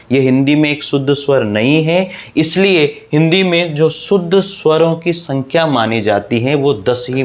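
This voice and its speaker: A man teaching an online grammar lesson, explaining step by step, asking questions and answering them himself, repeating the key points and addressing his viewers as friends. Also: medium pitch.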